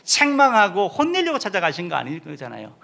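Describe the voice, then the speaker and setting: Gravelly, bright-voiced preaching man. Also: high-pitched, huge pitch swings, fairly quick. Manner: emphatic preaching with sudden loud rises and soft drops. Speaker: senior pastor. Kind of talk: sermon. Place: church sanctuary.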